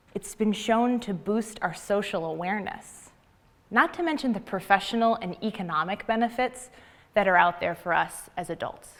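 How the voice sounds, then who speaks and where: A young adult woman from the United States, a graduate student speaker, gives a prepared public talk. She speaks at medium pitch in an earnest, measured manner with deliberate pauses.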